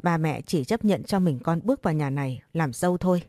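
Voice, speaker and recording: Woman doing a vindictive middle-aged mother, loud, sneering, low-pitched, dry close sound. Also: expressive, fairly quick, no room sound. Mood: indignant.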